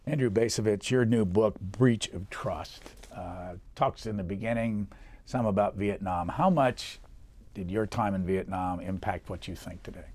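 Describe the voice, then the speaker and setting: A man's voice: lowish voice, measured pace, darkish tone. A man hosting a long-form interview, asking plain, direct questions. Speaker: interview host.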